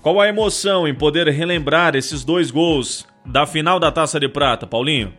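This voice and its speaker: A Brazilian man with a somewhat high voice works as interviewer. He puts prepared questions to his guest, with faint music underneath. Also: normal speed, fairly bright tone.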